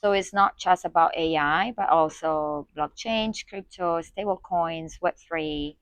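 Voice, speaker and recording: Low-voiced woman guest, halting and dry. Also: clean tone, no room sound. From Spain. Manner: hesitant, many fillers and restarts. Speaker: guest, community organizer. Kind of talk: conversational interview.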